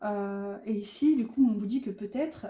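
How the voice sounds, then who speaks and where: A woman's voice: mid-range voice, normal speed, warm tone, roomy sound. A woman from northern France with a northern French accent, giving a rambling, hesitant tarot card reading. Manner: rambling and hesitant, many fillers. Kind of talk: casual spoken card reading.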